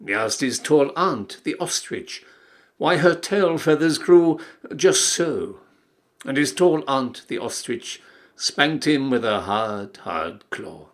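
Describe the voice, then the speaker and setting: A man narrating a children's story theatrically, with deliberate, declamatory emphasis. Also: mid-range voice, lively intonation, a bit bright.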